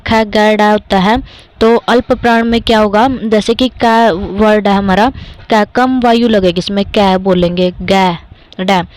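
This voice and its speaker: A woman's voice: mid-range voice, darkish tone, low-quality recording. A young woman from India with a Haryanvi-tinged Hindi accent, teaching an exam-prep grammar lesson step by step and often checking in with "theek hai". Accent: Haryanvi-influenced Hindi. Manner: occasionally clears throat.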